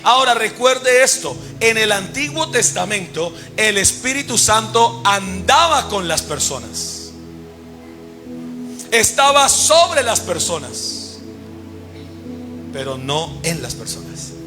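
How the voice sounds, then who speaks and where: A man preaching from the pulpit in a high, ringing voice, with clear music behind him. He keeps firing questions at the congregation and has them finish his sentences. He swings from loud emphasis to low, quiet asides. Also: sing-song, slow. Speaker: pastor. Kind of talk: sermon. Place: church service.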